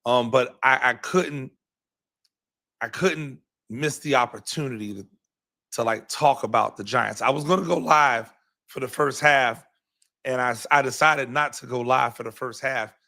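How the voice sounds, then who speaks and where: Breaking down a game like the high school football coach and podcast host he is, a hoarse man gives an unhurried postgame reaction. His mid-range voice stays bright and forceful despite the strain, though he rambles, circles back, repeats himself and says um often.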